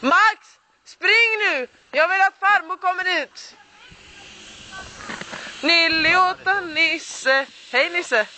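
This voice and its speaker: A drunk young woman filming her friends outdoors at night, talking excitedly and swearing a lot. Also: very high voice, long pauses, slight background noise. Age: young adult. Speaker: person filming. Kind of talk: casual chat among friends.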